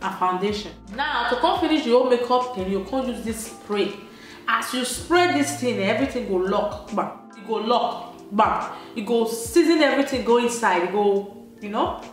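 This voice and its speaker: A woman's voice: fairly high pitch, lively intonation, moderate pace. A woman with a Nigerian Pidgin accent, chatting casually through a makeup tutorial in a playful, emphatic way. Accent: Nigerian Pidgin English. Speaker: beauty vlogger. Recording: very echoey room, light music behind.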